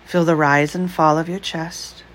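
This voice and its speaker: A woman leading a guided breath meditation, speaking slowly, calmly and softly. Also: deep voice. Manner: slow, calm, soft-spoken.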